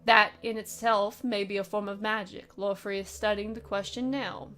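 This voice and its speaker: A woman reading the lines of a stern, formal male aide in a game, in a measured, lecturing way. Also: mid-range voice, fairly even intonation, a bit bright, natural voice. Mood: grave. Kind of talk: reading game dialogue aloud.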